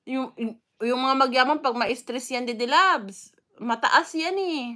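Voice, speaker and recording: A woman's voice: sits high, a little slow, pushed and bright. A Filipino woman from the Philippines chatting casually on a live stream, greeting viewers one by one with frequent fillers and laughs.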